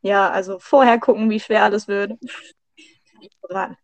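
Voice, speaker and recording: A woman's voice: medium pitch, steady tone, unhurried, no echo. A woman in her twenties, a podcast guest, telling cheerful stories in casual chat. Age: 20s. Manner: chatty, cheerful storytelling.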